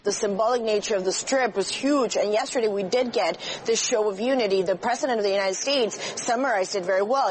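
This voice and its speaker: A woman's voice: mid-range voice, slight background noise. A woman giving an explanatory report as a news correspondent.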